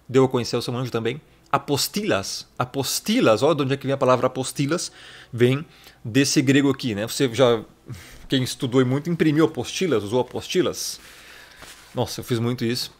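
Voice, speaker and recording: A man giving a casual Bible study lesson, explaining words step by step and calling the viewer brother. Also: medium pitch. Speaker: Bible teacher.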